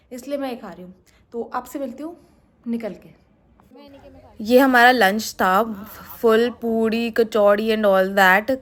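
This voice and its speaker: A young woman with an Indian accent, chatting quickly and casually as a vlogger. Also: fairly high pitch. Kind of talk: casual vlog chat in Hindi-English mix.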